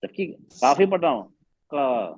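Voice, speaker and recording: A man's voice: fairly high pitch, expressive, moderate pace, no echo, highs cut off. A man teaching a Quran recitation class online, patiently repeating letter sounds to demonstrate them.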